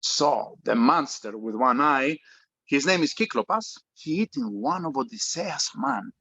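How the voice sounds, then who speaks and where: A man's voice: on the high side, lively intonation, measured pace, creaky, pushed and bright, breathy edge, no room sound, exaggerated voice, low-quality recording. An actor playing a Greek immigrant father in a script table read, speaking broken English with a heavy Greek accent as he tells his children a bedtime story. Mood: storytelling.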